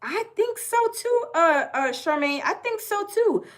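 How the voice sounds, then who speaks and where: With a Southern accent and a very high-pitched voice that swings widely, this livestream host from the American South talks at a measured pace. She's chatty and folksy, reads out viewers' comments, and tends to repeat herself.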